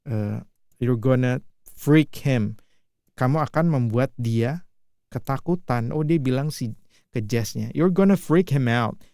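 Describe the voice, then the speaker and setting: A man gives a relaxed language lesson, saying each phrase over and over and then rephrasing it in street slang. His voice sits close and dry with no room sound at all. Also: medium pitch, gravelly, no echo. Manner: repeats each line and paraphrases it in slangy terms. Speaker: English teacher. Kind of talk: casual language lesson explaining film lines.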